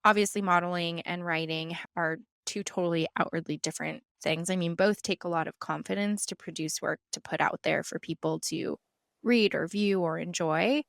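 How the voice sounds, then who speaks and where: A woman with a low voice full of vocal fry asks long, rambling questions as a podcast co-host. The recording is dry and close, with no room around her. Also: moderate pace, dry recording. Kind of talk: casual conversational interview.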